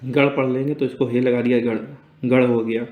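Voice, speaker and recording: Male tutor, mellow and patient, repeats words slowly, roomy echo. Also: medium pitch, level tone. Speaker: Urdu teacher. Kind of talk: casual spoken lesson, explaining letters on a board.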